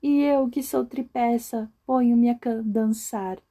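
A woman's voice: a little high, fairly even intonation, slow pace, warm tone. A woman voicing a talking three-legged stool that recites its news in a sing-song way.

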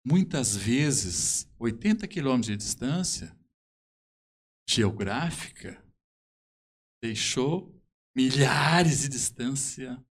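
Man, southern Brazilian accent, middle pitch, halting emphatic storyteller, conversational interview guest. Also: animated, husky. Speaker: musician guest.

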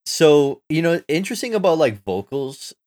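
A man's voice: on the high side, normal speed. A man co-hosting a podcast in casual chat, rambling along with plenty of fillers. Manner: relaxed, rambling, lots of "like" and "um". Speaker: podcast co-host.

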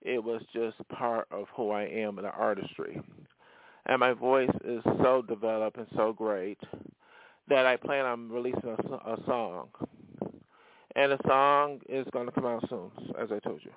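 Recorded on a phone or as a voice message, this musician's solo podcast has a dry, lo-fi quality. He talks casually at medium pitch and a slightly slow pace, wandering through his thoughts with many fillers and false starts.

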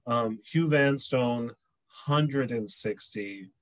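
A young man co-hosting a casual chat show, reading out nominees and reacting with loud cheers. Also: medium pitch, extremely slow, poor audio. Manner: excitable, cheers and whoops loudly. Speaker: podcast co-host.

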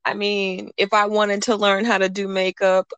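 A woman's voice: mid-range voice, completely flat delivery, normal speed, a bit bright, clean tone, no room sound, highs cut off. Female podcast host, mid-range voice, casual interviewing style, very little room sound.

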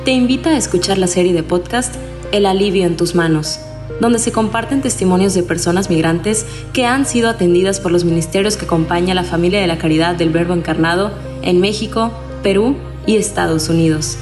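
A woman with a somewhat low voice reads a scripted introduction in an even, steady way. Clear music plays behind her. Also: a little fast. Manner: even, read-aloud delivery. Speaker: podcast announcer.

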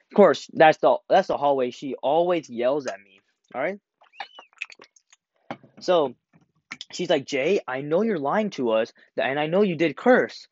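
A young man telling a school story in a casual, animated way, acting out the quotes and laughing as he goes. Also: medium pitch, dry recording. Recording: dry, slightly dull home recording.

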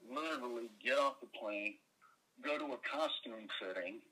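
A man's voice: medium pitch, normal speed, pushed and bright, slightly rough, low-quality recording. A middle-aged man from Michigan, an actor guest telling a rambling anecdote and acting out the voices of people in it. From Michigan, USA. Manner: rambling storyteller, acts out quoted voices. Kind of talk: casual anecdote in an interview.

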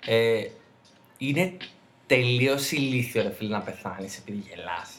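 A man co-hosting a podcast, chatting casually with loose swearing and quick reactions. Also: mid-range voice, lively intonation, fairly bright tone. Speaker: podcast co-host. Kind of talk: casual chat.

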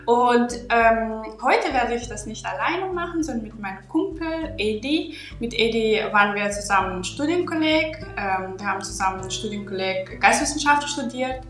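A woman's voice: on the high side, expressive, normal speed, few pauses, soft background music. Young woman hosting an echoey chat. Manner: friendly questioning with many fillers. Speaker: host. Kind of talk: casual interview chat.

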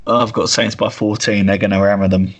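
A man's voice: on the low side, little pitch movement, brisk. A man co-hosting a casual sports podcast, chatty as he reads out the standings. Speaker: podcast co-host.

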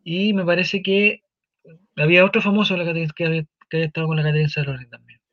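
A Chilean man hosting a casual talk show, animated and swearing as he tells a story. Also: fairly high pitch, rapid-fire, dry recording, muffled recording.

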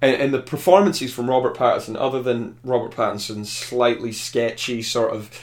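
A man's voice: medium pitch, fairly even intonation, normal speed. A man chatting casually about a film, thoughtful and rambling, often restarting his sentences. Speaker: film reviewer. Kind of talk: casual podcast chat.

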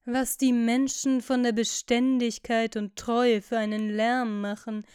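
A woman voicing a witty, cynical aristocratic gentleman who talks in ironic, lecturing tones. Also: a little high, takes it slowly, clear, resonant tone, dry recording, studio quality.

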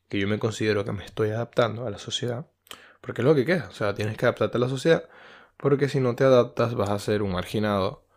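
A Venezuelan podcast host with a Venezuelan accent talks in a casual, rambling monologue packed with fillers and restarts. His voice is on the low side with a darkish tone.

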